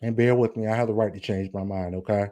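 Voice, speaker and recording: Talking directly to the camera, a celebrity gossip vlogger in his 40s, aged forty, chats casually, sprinkling in asides and rhetorical "okay?". His voice is low and dark in tone, with fairly even intonation and a quick pace.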